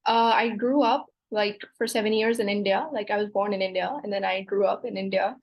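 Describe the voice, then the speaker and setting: A PhD student from Hong Kong, a woman in her twenties, chats as a guest on a video call in a casual interview, filling her speech with "like." Her mid-range voice stays fairly flat and moves fairly quickly, and the recording sounds muffled.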